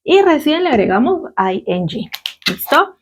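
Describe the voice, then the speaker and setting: A woman's voice: high voice, big pitch swings. Patient woman teaching English grammar. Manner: patient, repeats words slowly and checks in with "¿listo?". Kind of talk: classroom grammar lesson.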